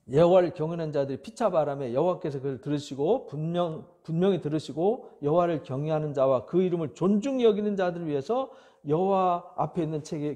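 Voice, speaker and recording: Male pastor, Bible teaching sermon. Lively and conversational, acts out quotes. Slightly high but mellow voice. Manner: animated, acts out skeptics' taunts, frequent "eo?" check-ins.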